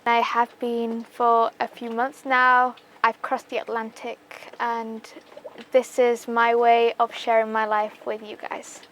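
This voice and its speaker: A woman's voice: on the high side, monotone, measured pace, fairly bright tone, slight background noise. A young woman from Romania with an English accent, a sailing vlogger talking chattily to her viewers, with fillers and restarts. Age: young adult. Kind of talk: casual vlog talk.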